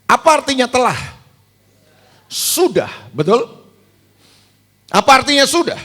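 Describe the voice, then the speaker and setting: A male pastor delivers a sermon in a very high, bright, forceful voice. He asks his listeners question after question, answers them himself and hammers key words home through repetition. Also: very animated, measured pace. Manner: repeats key words with emphasis.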